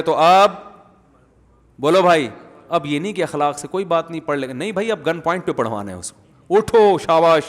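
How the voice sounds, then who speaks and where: A man giving a humorous, animated sermon, often asking the audience questions. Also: fairly high pitch. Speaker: Islamic preacher. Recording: long hall reverb.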